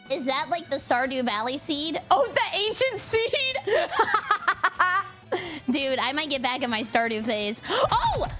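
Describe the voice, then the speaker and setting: A woman streamer chatting casually with her viewers, giggly and excitable, laughing often and thanking donors. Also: high voice, takes it slowly, long pauses, soft background music. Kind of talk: casual live-stream chat.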